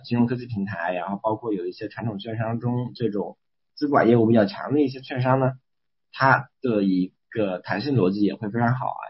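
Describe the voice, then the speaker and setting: Man, analyst briefing on conference call, lowish pitch, repetitive phrasing, muffled lo-fi audio. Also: slightly rough. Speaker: securities industry analyst. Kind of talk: semi-scripted investment briefing on a conference call.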